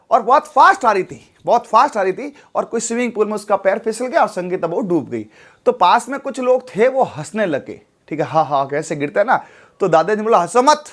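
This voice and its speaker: A man teaching chemistry in a lively classroom lecture, telling a memory story and drilling numbers aloud with coaxing repetition. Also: high-pitched.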